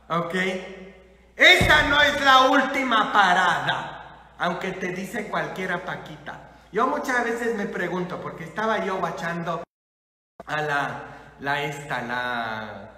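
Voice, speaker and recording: A high-voiced priest with a Polish accent preaches in an unhurried, lively way, joking and mimicking people. His voice is bright and sharp, and it rings through a large echoing church with a long reverb. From Poland. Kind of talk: sermon. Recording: echoey church hall.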